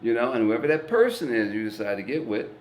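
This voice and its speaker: In a reflective, casual conversation, a male guest comedian from East St. Louis, Illinois talks fast in a very animated, mid-range voice, with slight background noise. He stays earnest and plain, tossing in casual swearing and repeating words as he thinks. The recording has a roomy echo.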